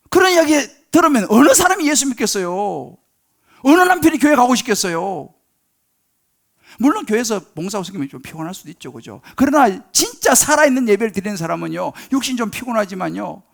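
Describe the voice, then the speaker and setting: A middle-aged pastor delivers a sermon in a strikingly high, animated voice with a gravelly edge. He swings from loud exclamations to hushed asides and acts out the voices of the people in his stories.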